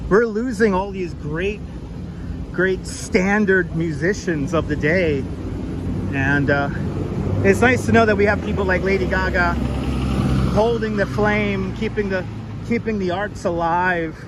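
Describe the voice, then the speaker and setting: A man's voice: sits high, unhurried. A man giving a live walking tour to online viewers, with a projected tour guide delivery as he points out sights outdoors. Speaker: tour guide and livestream host. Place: outdoors on busy city streets and park edge. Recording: clearly noisy outdoor street recording. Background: traffic and urban street noise.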